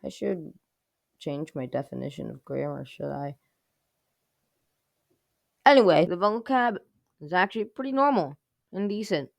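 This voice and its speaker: A woman's voice: on the low side, expressive, a little slow, gravelly, long pauses, dry recording. A woman hosting a casual language review show, rambling and peppering her talk with "like". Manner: rambling, heavy use of filler "like". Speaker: host.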